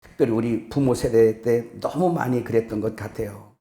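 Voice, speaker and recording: A middle-aged male pastor preaching a sermon in a conversational way, asking the congregation questions and now and then breaking into loud, sharp imitations of scolding parents. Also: mid-range voice, moderate pace, roomy sound. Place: church sanctuary.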